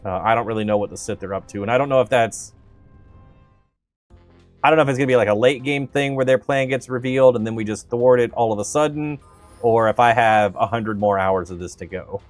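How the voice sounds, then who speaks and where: A streamer from the Southern United States with a neutral accent comments on the game he's playing, rambling casually and filling his speech with fillers. His mid-range voice runs a little fast, there's no room sound, and faint game music plays in the background.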